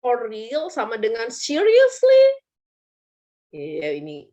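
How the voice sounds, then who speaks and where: A woman with an Indonesian accent teaches English vocabulary in an online class. Her voice sits high and swings widely in pitch as she acts out example lines and prompts the students for answers. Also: huge pitch swings, slow, warm tone.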